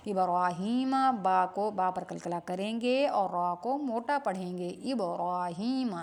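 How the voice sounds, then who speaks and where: A woman teaching Quran pronunciation, patiently explaining each sound and then reciting it slowly. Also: mid-range voice, creaky, darkish tone. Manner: patient and instructive, often asks then answers her own question. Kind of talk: pronunciation lesson with slow demonstrations.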